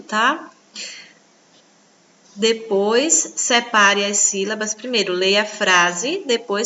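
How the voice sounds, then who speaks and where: A Brazilian Portuguese woman teaching children in a recorded online lesson, slow and patient, pointing things out on the page. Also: medium pitch, pushed and bright, muffled recording, slight background noise. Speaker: primary school teacher.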